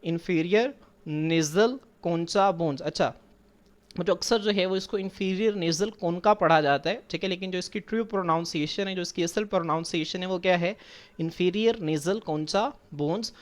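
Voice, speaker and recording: A man teaching biology over slides, patiently repeating points, asking and answering his own questions, and mixing in English terms. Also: high-pitched. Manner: patient, repeats points, addresses students as children; mixes English science terms into speech. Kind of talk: classroom lecture over slides.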